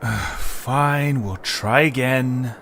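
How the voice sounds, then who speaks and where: Speaking extremely slowly in a gravelly, mid-range voice on a very noisy recording, a man acts in a fan audio drama with storybook narration. His role is a good-natured, tired young adventurer with an exasperated, casual manner, and the mood is casual and thoughtful.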